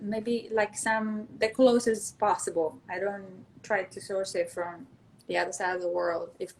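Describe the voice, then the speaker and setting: A woman with a mid-range voice chats as a guest over a video call. She talks in an animated, eager way, often restarting her phrases. A faint noise sits behind her. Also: mid-range voice, measured pace, vocal fry, rough recording. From Sicily, Italy. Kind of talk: casual chat.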